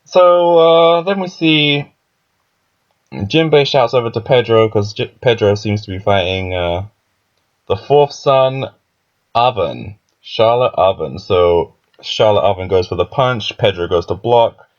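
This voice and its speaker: A man's voice: on the low side, measured pace. A young man casually reviewing a comic chapter, rambling with frequent fillers and laughs. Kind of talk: casual commentary. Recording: dull lo-fi recording.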